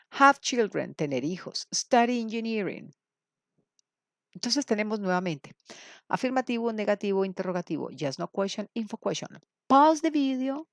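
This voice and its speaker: A woman teacher with a fairly low voice explains grammar in a patient, questioning way. She slows to stress each example phrase, and the recording is dry and close with no room sound. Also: vocal fry, no echo. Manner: switches into slow, emphatic English for model phrases. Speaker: English teacher. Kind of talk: recorded classroom lesson.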